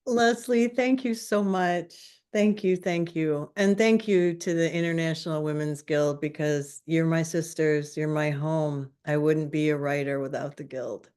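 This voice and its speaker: Poet lady, low smooth voice, warm thankful opening words. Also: fairly even intonation, a little slow, hardly any pauses. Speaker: featured poet. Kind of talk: grateful opening remarks.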